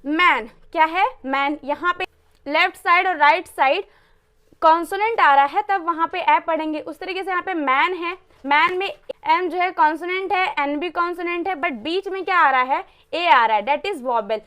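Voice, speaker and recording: A woman's voice: extremely high pitch, moderate pace, fairly bright tone. A woman teaching English pronunciation in a classroom style, asking herself questions and answering them, and spelling words out letter by letter. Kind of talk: classroom-style lesson explaining pronunciation rules.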